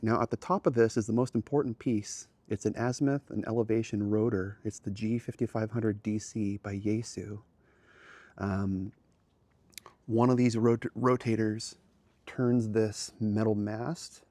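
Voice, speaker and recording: The host, an amateur radio enthusiast, walks viewers around the outside of a house and then into his garage and small radio room, explaining things in a straightforward, casual way. He has a low, warm, steady voice, takes his time, and the recording is dry.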